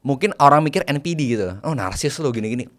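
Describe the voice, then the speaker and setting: A man's voice: mid-range voice, animated, fast, fairly bright tone. A man, a private banker, chatting casually as an interview guest, mixing in English phrases and laying out numbered tips.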